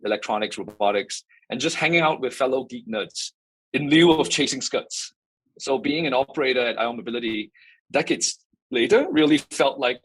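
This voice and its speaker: A man in his forties speaks in a husky, slightly low voice, telling his story as a company founder in an interview. He talks in a measured, steady way, dropping fillers and tagging his points with "right?". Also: low-quality recording. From Singapore. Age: 40s. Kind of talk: interview answers.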